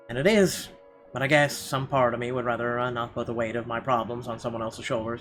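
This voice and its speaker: With game music playing behind him, a man hosting a playthrough reads the narration and tosses in sweary, wry comments on the fly. His medium-pitched voice has a slightly bright quality.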